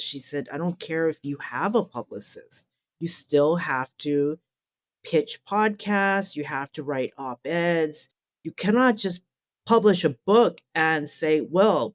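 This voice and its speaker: A middle-aged woman with a low voice answers as an interview guest and academic author, sounding candid, colloquial and emphatic. The recording is dry and of studio quality.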